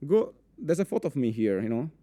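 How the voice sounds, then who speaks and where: A young Italian-accented man gives an animated live talk to a packed conference room, speaking fast in a mid-range voice. He fills his speech with fillers and restarts and puts questions to the audience.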